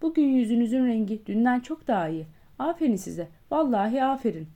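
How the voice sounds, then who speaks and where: A woman's voice: on the high side, lively intonation, a little fast, mellow. A woman voicing a jovial, backslapping older male postmaster in an audiobook, hearty and boisterous. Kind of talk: audiobook character voice.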